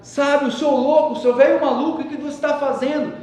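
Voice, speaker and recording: Brief: a man playing a hot-headed youth, high and strained, in a booming, echoey hall. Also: sing-song, a little fast, a little mellow, far from the mic. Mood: furious. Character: impatient, hot-headed young man seeking answers. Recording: echoey hall with faint rumble.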